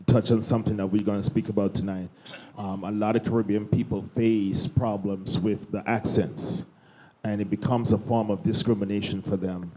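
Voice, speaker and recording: A man's voice: lowish voice, steady tone, moderate pace, noisy background. A man hosting a panel discussion, prompting his guests with curious questions. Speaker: host.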